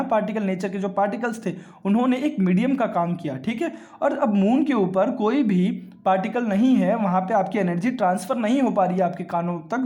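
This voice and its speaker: A man's voice: high-pitched, darkish tone. A man teaching a science lesson. He explains step by step, asks questions and answers them himself, and keeps checking in with his students. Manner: explains step by step, often checks with "ठीक है" and calls listeners "बेटा".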